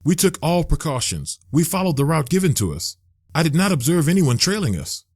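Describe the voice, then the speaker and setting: A man's voice: fairly high pitch, very animated, fairly quick, a little mellow, husky, dry recording, studio quality, pitched above the performer's own voice, exaggerated voice. A man putting on a curt female assassin. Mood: defiant. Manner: clipped, annoyed, firm.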